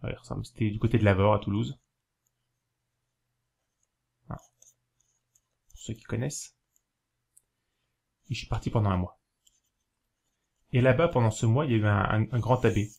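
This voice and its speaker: A man talking casually to camera, giving practical tips in a rambling, hesitant way, with many fillers and self-corrections, slowing down to spell things out. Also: lowish voice, gravelly, darkish tone. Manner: explains slowly, spelling things out while writing. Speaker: video host giving learning tips.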